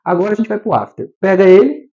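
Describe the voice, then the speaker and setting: Animated Brazilian man lecturing. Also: high-pitched, quick pace. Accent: Brazilian Portuguese. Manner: animated, acts out scenes with sound effects. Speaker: spiritual lecturer. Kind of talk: spiritual lecture. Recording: dull lo-fi recording.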